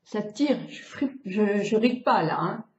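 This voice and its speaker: A French beautician in her sixties gives a casual, chatty face-exercise tutorial, demonstrating as she goes and drawing out her vowel sounds. Her mid-range voice has lively intonation and a slow pace, and the home video sounds roomy and slightly dull.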